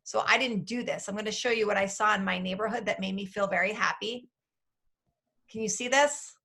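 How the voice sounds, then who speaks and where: A woman's voice: medium pitch, a little fast, gravelly, bright, forceful tone. A woman leading a casual video-call session, upbeat and encouraging as she guides simple stretches. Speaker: activity leader.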